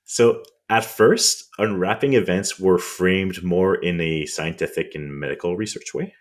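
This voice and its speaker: Unhurried and low-pitched, a man with a French accent co-hosts a podcast, recounting history in a conversational tone punctuated by wry, indignant asides.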